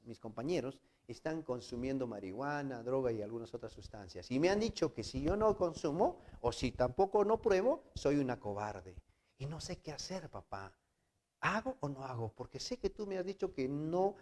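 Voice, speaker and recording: A man preaching voices a frightened teenage girl quietly pleading to her father's picture, hardly changing his own voice. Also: mid-range voice, lightly acted.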